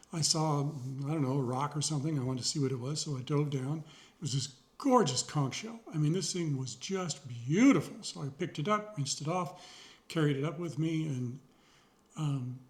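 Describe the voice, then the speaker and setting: A middle-aged man talking slowly and sincerely in a personal video journal, pausing often with fillers and a dry joke now and then. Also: on the high side. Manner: rambling, pausing, many fillers; sincere, reflective, wry. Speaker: vlogger.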